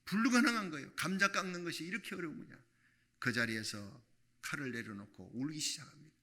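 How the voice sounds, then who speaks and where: A man's voice: fairly high pitch, fairly quick, bright, forceful tone. A middle-aged man preaching a sermon in a church, telling a story and rising into fervent exhortation. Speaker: pastor. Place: church sanctuary.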